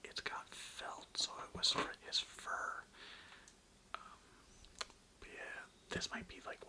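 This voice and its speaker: This ASMR creator's whisper is breathy and unvoiced as she rambles through an informal show-and-tell, swearing now and then. The recording is rough.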